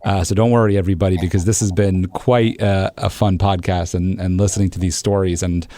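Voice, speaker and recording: A man's voice: low-pitched, steady tone, brisk, mellow. A man hosting a podcast, chatting casually and repeating words as he starts his sentences. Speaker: podcast host. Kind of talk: casual conversational interview.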